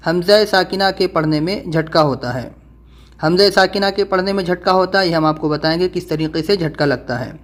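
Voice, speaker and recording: A man teaches Quran reading in a recorded lesson. His voice sits high. He talks fast when he explains and slows right down to sound out each syllable. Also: fairly bright tone. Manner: quick explanations, slow drawn-out syllable-by-syllable spelling.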